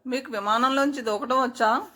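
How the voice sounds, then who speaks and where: A woman's voice: high voice, pushed and bright. A woman voicing a panicked, impatient male flight crewman who talks breathlessly and in a hurry. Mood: urgent. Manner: breathless, hurried.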